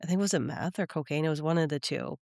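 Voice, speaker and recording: A woman's voice: sits low, fast talker, creaky, darkish tone, no echo, studio quality. A woman co-hosting a podcast, chatting casually as she recaps reality TV episodes and acts out quoted lines. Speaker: podcast co-host.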